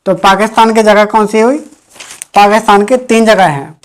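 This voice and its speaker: Female history teacher, mid-pitched, drills each point with repeated questions. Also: normal speed. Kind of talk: exam-prep history lecture.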